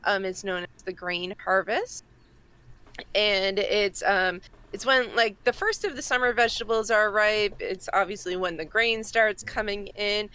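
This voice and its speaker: Woman cohost, Massachusetts accent, chatty and quick to laugh. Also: medium pitch, fairly even intonation, sharp tone, clean tone. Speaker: podcast cohost. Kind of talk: casual chat, explaining a pagan festival.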